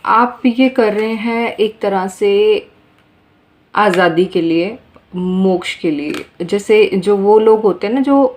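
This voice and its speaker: A woman's voice: mid-range voice, slow, a little mellow. A woman giving a tarot reading to her viewers in a casual, earnest way, often repeating phrases and speaking to them directly. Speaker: tarot reader.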